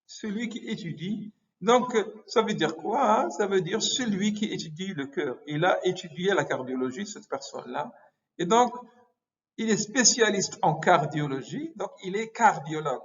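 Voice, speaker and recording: A man giving a medical lecture, halting often with hesitations and self-corrections. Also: high voice, expressive. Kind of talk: explanatory lecture. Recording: muffled lo-fi recording.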